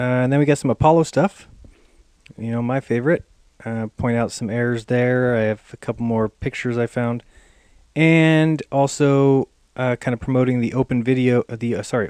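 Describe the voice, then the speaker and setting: A man's voice: medium pitch, darkish tone, clear, resonant tone, no echo. A man hosting his own channel, talking loosely and chattily to viewers with lots of "uh" fillers. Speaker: channel host. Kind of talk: casual talk to camera.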